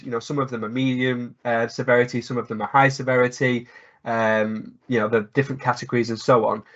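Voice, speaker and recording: A croaky-voiced man presenting a live technical webinar, explaining at length with many fillers and restarts. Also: medium pitch, fairly bright tone. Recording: dull lo-fi webinar audio.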